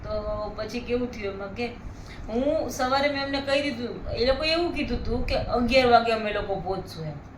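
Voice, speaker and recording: High-voiced woman telling a story. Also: brisk, reverberant, slight background noise. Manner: animated storytelling, prone to laughing. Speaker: family vlogger. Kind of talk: casual chat.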